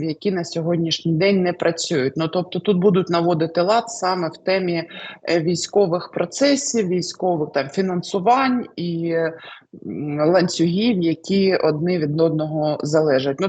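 Woman tarot reader, husky tone, halting delivery with fillers, answering an interviewer. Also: lowish voice. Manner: hesitant, many fillers, lively rises. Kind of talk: interview answers, fortune-telling.

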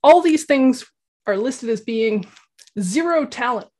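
Slow-paced woman with a higher voice. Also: expressive, a little mellow. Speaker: panelist, university instructor. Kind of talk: informal personal talk. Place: indoors on a video call.

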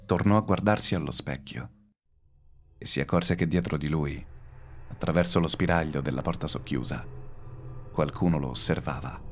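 A man's voice: a bass voice, moderate pace, pauses often. A man narrating a horror audiobook in a dramatic, suspenseful way. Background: faint background music.

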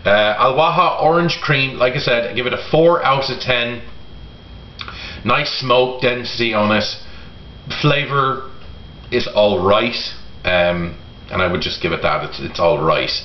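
A middle-aged man giving a casual product review to camera in a halting way, pausing often. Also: mid-range voice. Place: home kitchen, indoors. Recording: roomy echo, dull sound, faint noise.

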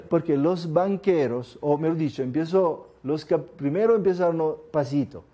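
A man's voice: a little high, a little slow, dark tone. A man giving a live lecture to an audience, asking rhetorical questions and acting out his examples. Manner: acts out examples with small voices.

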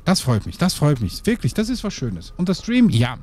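Lively high-voiced man chatting over a game. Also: moderate pace, soft background music. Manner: playful, rambling, talks to viewers and chat. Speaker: let's play host. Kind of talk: casual gameplay commentary.

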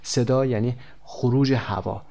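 A man teaching an English textbook lesson, reading the English examples slowly and clearly and then explaining them quickly. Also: medium pitch, fairly even intonation, warm tone.

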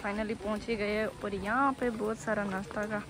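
Chatting directly to her viewers, a young woman films a casual travel vlog on a rainy hillside with her phone at arm's length. She talks in a medium-pitched voice at a moderate pace, with fairly even intonation.

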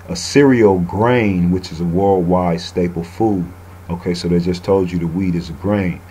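A man with a very low voice hosts a laid-back radio talk show. He reads a passage aloud, then riffs on it casually in his own words, often tagging his lines with "man." A faint hiss sits under his voice. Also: warm tone, low-quality recording.

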